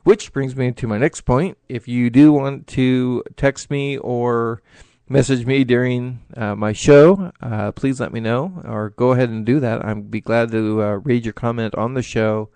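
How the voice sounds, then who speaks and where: A middle-aged man hosting his own internet radio show, talking earnestly in a halting way with many filler sounds between his thoughts. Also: medium pitch, a little mellow, clean tone, dry recording. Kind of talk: solo talk-show monologue.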